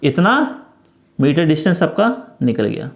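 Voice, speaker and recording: Male tutor, high-pitched, patient step-by-step explainer, echoey room. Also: big pitch swings, unhurried, gravelly, muffled recording. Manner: repetitive, coaxing, talks through each step. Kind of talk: step-by-step math lesson.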